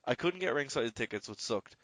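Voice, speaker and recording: A man's voice: mid-range voice, expressive, brisk, a bit bright, dry recording. An Irish man hosting a podcast, chatting casually and rambling with lots of "you know". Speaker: podcast host.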